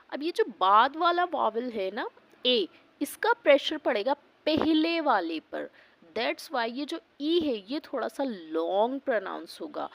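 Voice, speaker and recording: Woman English teacher, slightly high voice, dry sound; spells words slowly, answers her own questions. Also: gravelly, no room sound. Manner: asks the class questions and answers them herself; spells words letter by letter and repeats them slowly. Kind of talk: pronunciation lesson.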